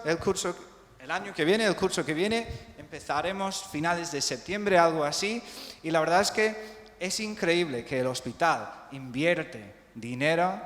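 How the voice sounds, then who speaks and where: Man, teacher, slow drilled pronunciation, bilingual, roomy hall echo. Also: fairly high pitch. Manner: lively, drills words slowly, switches between English and Spanish. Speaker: English teacher. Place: hospital lecture hall. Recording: echoey hall with long reverb.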